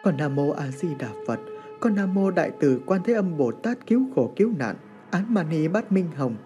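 Two young sisters chant a prayer in a soft, even murmur, as a man reads it. The voice is mellow and quiet. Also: a little high, moderate pace, faint music behind, natural voice. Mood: hushed chanting.

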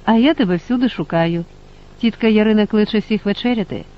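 An inquisitive, talkative father who keeps asking questions in a fairly high voice, as a man plays him. The recording is dull and lo-fi. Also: brisk, lightly acted. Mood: curious.

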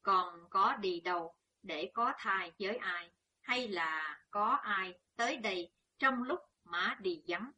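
An old peasant mother frets and scolds in a slow, bright, faintly husky voice, as a woman narrator puts her on. She speaks as a storybook character. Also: mid-range voice, heavily acted. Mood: fretful. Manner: anxious, scolding. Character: worried older peasant mother.

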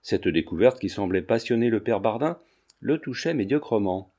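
A man narrating a classic novel as an audiobook in a steady, even storytelling manner. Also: on the low side, normal speed. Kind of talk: scripted narration.

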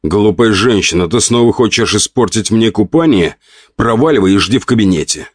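A man's voice: lowish voice, expressive, normal speed, no echo, clean studio sound, voice pushed up. A man voicing a crude, irritable count of 48, growling and contemptuous.

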